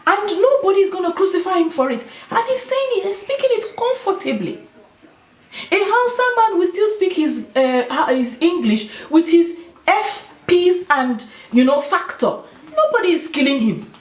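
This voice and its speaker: A woman's voice: extremely high pitch, very animated, moderate pace. A woman with a Nigerian Igbo accent talking casually and emphatically to her viewers, giving her opinions. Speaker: video host. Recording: roomy, echoing sound.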